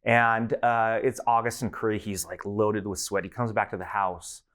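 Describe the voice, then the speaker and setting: Relaxed low-voiced American man telling stories. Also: normal speed. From United States. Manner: relaxed, storytelling with fillers and restarts. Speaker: guest professor. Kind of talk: conversational interview.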